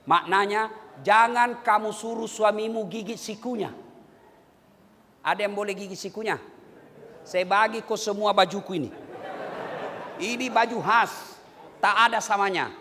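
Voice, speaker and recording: A man's voice: high-pitched, a little slow, pauses often. A male preacher giving a humorous sermon, joking, acting out quotes and singing snippets. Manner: jokey, animated, acts out quotes and sings lines. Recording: long hall reverb, faint noise.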